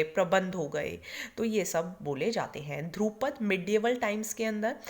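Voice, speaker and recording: An Indian woman teaching an online exam coaching lecture, explaining step by step and often checking in with her students. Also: mid-range voice. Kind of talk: online lecture in Hindi-English mix.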